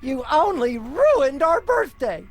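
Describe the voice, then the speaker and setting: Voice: high voice, sing-song, takes it slowly, full character voice. An actor playing a whiny, petulant, grandiose young prince of hell in a video game, melodramatic in delivery. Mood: wounded, whiny. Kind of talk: video game character acting. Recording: music behind the voice.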